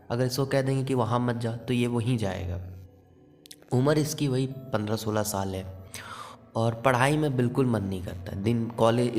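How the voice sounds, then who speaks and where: A man's voice: mid-range voice, darkish tone. A man narrating a horror story in a casual, conversational way, with fillers.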